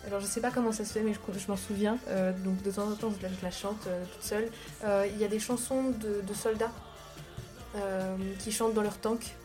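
A woman's voice: mid-range voice, fairly even intonation, brisk, over music. A woman chatting casually about a film, hesitant with fillers.

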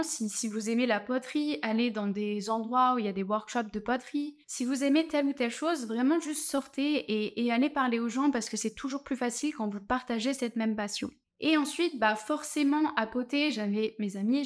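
A young woman from France, giving casual travel advice as a vlogger, chatty with lots of fillers and restarts. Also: fairly high pitch.

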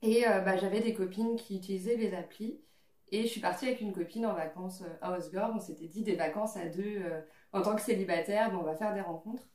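This twenty-something woman, a guest on a podcast, spins stories in a relaxed chat among friends, laughing often and using plenty of fillers. She has a medium-pitched, brisk, slightly mellow voice. The recording, made around a living-room coffee table, sounds roomy because the mic is far away.

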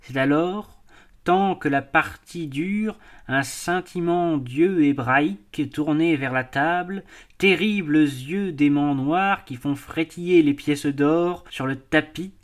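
Give me a man narrating an audiobook in a measured, expressive way, slightly high-pitched. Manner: measured, expressive literary reading. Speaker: audiobook reader. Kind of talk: scripted narration.

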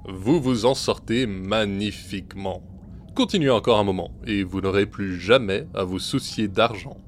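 A man voicing a cunning devil who speaks slowly and smoothly. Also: lowish voice, a little hiss or hum, close to an everyday voice. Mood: suave. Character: smooth, cunning male devil, honest employer.

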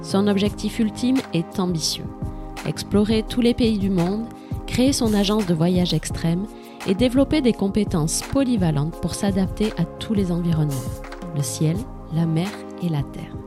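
A woman hosting a travel podcast, reading her introduction in a clear, measured way. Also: mid-range voice, over music. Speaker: podcast host. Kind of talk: scripted podcast introduction and interview.

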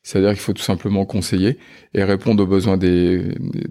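A man's voice: sits low, flat delivery, a little fast, warm tone. A man in his fifties, a funeral home manager, chatting in an interview with many hesitant filler sounds. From France. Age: 50s. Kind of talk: casual interview chat.

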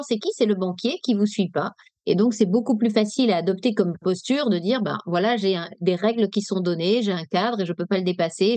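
A French woman from Nice giving a webinar talk as a negotiation coach, speaking in a lively, direct and explanatory way. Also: mid-range voice, no room sound. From Nice, France. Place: webinar, dry room.

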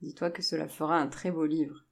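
A woman voicing a frail, loving old grandfather who speaks gently and fondly in a storybook reading. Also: low voice, flat delivery, brisk, creaky.

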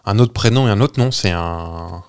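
A man's voice: on the low side, normal speed, clean tone. Hesitant man teasing quiz hints. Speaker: podcast host running a quiz. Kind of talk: casual chat, guessing game.

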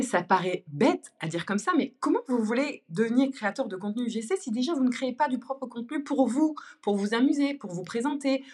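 A woman's voice: on the high side, slightly rough. A young woman talking as a guest on a podcast, chatty and easygoing, full of fillers and restarts. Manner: chatty, many fillers and restarts, laughs easily. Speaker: guest, content creator. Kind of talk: casual podcast conversation.

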